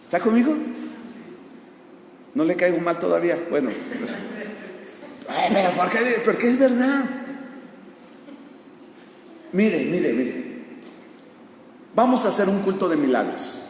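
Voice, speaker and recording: A man with a Mexican Spanish accent preaching a sermon in a church, bursting into shouted climaxes and asking rhetorical questions. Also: sits high, animated, unhurried, long pauses, a little hiss or hum. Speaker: pastor. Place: church sanctuary. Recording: echoey church hall, far from mic.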